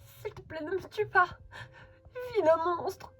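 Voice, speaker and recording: A woman's voice: high voice, lightly acted. Woman doing a jumpy, easily scared teen girl. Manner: excitable, quick to panic.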